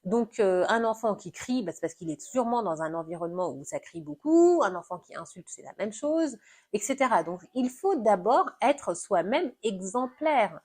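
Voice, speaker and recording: A woman talking through parenting in an animated, explanatory conversation, acting out little examples as she goes. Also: a little high, normal speed, slightly rough. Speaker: guest discussing parenting. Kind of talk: conversational discussion.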